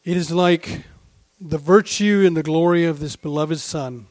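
A man with a notably high voice preaches a sermon in an unhurried, deliberate way. He talks fervently, asks rhetorical questions and drops to a hush before rising again. The sound is close and dry. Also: no room sound. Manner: fervent, rhetorical questions, swings between hushed and raised.

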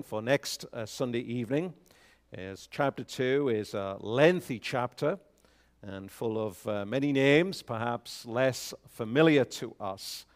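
A man pastoring an evening service, reading scripture slowly and with measured emphasis at a pulpit microphone, then giving notices with many fillers. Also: mid-range voice. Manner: frequent fillers when speaking freely. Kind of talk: scripture reading and sermon announcements.

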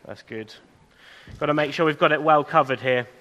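A man gives an interactive sermon for children. His voice sits high for a male speaker and has a bright, forward edge. He addresses the children directly, encouraging them and putting questions to them. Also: fairly even intonation, fast talker, muffled recording. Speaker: preacher leading a children's talk in church.

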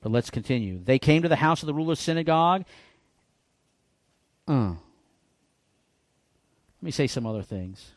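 A man preaching a sermon in church, folksy and joking, with animated bursts when he quotes people. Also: medium pitch, normal speed, long pauses, dry recording, clean studio sound. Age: 50s. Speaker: pastor.

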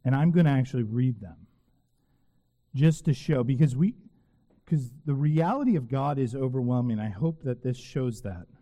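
Mellow-voiced male preacher in a reverberant church. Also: mid-range voice. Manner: earnest preaching with slow, emphatic repetition. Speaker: pastor. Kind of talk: sermon. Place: church sanctuary. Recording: long reverb of a church hall.

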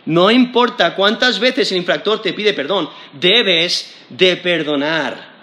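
A man's voice: sits high, takes it slowly, sharp tone, reverberant. A man with a Spain Spanish accent preaching an expository sermon in a conversational way, with frequent restarts and tag questions.

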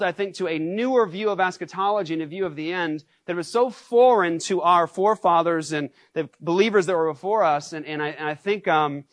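Pastor, male, animated sermon delivery with rhetorical questions, dry sound. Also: high-pitched, dry recording. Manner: acts out shouted scenes.

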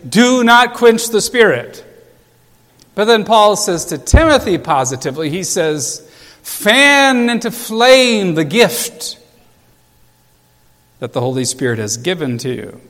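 A man's voice: on the high side, a bit bright. A male pastor preaching a sermon in a church, emphatic and repeating phrases for stress. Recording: long church reverb.

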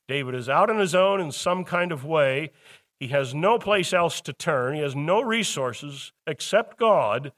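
A man's voice: fairly high pitch, fairly bright tone. A man teaching a Bible study lecture, explaining a psalm and retelling its story with quoted voices.

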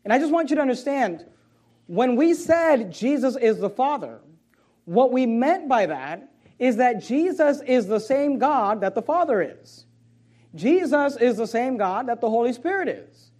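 High-voiced preaching man. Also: very animated, a little mellow. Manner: emphatic preaching with sarcasm and quick swings in volume. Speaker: pastor. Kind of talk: sermon.

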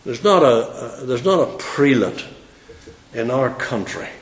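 A man preaches slowly and deliberately, his voice swelling into fiery, emphatic outbursts. He sits at a middle pitch, and the church room around him gives off a clear echo. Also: animated. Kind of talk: sermon.

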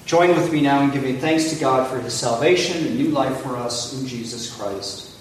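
Male pastor, liturgical reading, cathedral echo with long reverb, distant mic, faint hiss. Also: mid-range voice. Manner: measured, solemn prayer recitation. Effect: heavy cathedral-like echo. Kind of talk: leading a communion liturgy. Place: large church sanctuary. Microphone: far from the mic. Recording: echoey hall from far off, faint hiss.

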